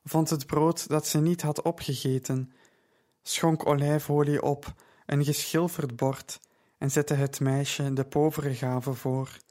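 A man reading an audiobook aloud in calm, measured scripted narration. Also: on the high side.

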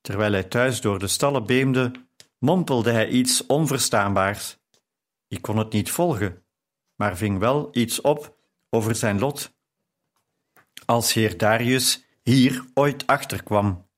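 Man, audiobook narrator, measured first-person narration, mid pitch.

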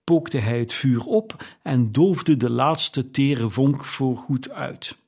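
A man reading a classic story aloud as narrator, with a measured storytelling delivery. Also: medium pitch, gravelly, a little mellow. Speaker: audiobook narrator. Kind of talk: scripted narration.

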